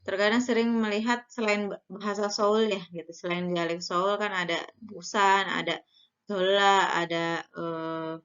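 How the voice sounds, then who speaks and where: A woman with an Indonesian accent teaches in a loose, conversational way, scattering fillers and tag questions as she explains. Her voice sits at a middle pitch. The recording sounds a bit dull and lo-fi. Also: unhurried, smooth. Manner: relaxed, conversational, many fillers and "gitu kan" tags. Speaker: university lecturer. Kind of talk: recorded online lecture.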